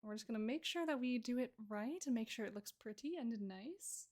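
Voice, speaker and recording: A woman's voice: a little high, expressive, a little fast, darkish tone. Playful woman streamer chatting while drawing. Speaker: art streamer. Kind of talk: casual chat while drawing.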